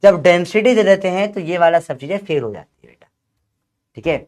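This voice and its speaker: A man's voice: high voice, animated, fairly quick, darkish tone. A man teaching physics in a coaching lecture, joking and scolding his students and calling them "beta".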